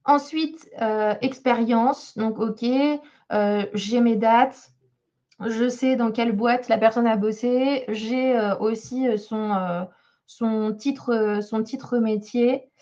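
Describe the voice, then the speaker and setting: A woman's voice: on the high side, steady tone, takes it slowly, mellow. A woman job coach giving a webinar talk while reviewing a CV, hesitant, with many fillers and restarts. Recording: slightly dull lo-fi sound.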